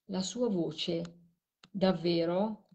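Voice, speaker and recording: A woman's voice: lowish voice, extremely slow, darkish tone, lo-fi sound. A tired woman hosting a late live stream, talking to a caller while she replays audio clips. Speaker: host of a live show on spirit voice recordings.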